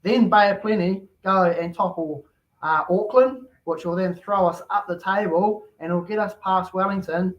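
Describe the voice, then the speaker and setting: A man's voice: sits high, moderate pace, muffled recording. A man hosting a casual chat, talking in an easygoing, matey way. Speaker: host.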